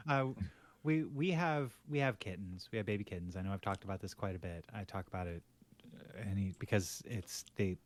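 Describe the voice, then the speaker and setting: A man's voice: fairly low pitch, expressive, normal speed. A middle-aged man co-hosting a podcast, telling family stories in casual chat with lots of restarts and laughter. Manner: rambling with many restarts and laughs. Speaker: podcast co-host.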